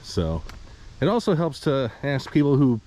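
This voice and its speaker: A man's voice: medium pitch, very animated, normal speed. Casual male hiking vlogger, Midwestern American accent, chuckling and rambling, slightly breathless, faint outdoor background noise. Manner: rambling, chuckling, hedging with fillers. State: a little out of breath. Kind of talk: casual vlog narration while hiking. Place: outdoors on a wooded hiking trail.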